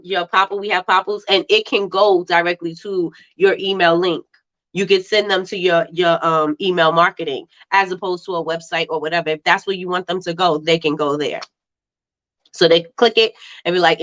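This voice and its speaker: A woman with a lowish, slightly bright voice that sounds stuffy and congested is hosting a casual livestream. She reads viewer comments and chats with them, laughing often and repeating herself. The lo-fi livestream audio is slightly dull.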